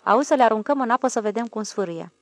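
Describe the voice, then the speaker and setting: A woman's voice: a little high, animated, no echo. A woman reading aloud and voicing Cosmin, a naive, wary village boy who keeps asking doubtful questions.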